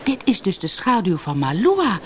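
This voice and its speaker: A woman voicing a proud, beautiful young island woman in an expressive storybook reading. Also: mid-range voice, moderate pace, a little hiss or hum, pitched above the performer's own voice. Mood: remorseful. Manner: haughty, then pleading and desperate.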